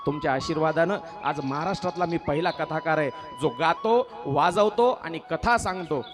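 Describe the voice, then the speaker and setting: A male devotional preacher with a slightly high voice tells a sacred story in a sermon at a moderate pace, with music in the background. He exhorts his listeners, questioning them and answering himself, and sometimes breaks into song.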